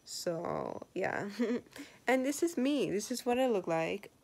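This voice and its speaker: A woman has the hiccups while filming a chatty vlog update in her bedroom at home, rambling along with lots of fillers. Her mid-range voice is expressive and slow, with vocal fry and a darkish tone.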